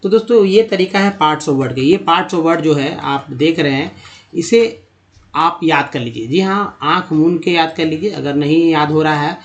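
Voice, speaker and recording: Man slowly teaching spelling sounds. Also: a little high. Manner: explains step by step, repeats words slowly, addresses viewers as friends. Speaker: English teacher. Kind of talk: spoken lesson over slides.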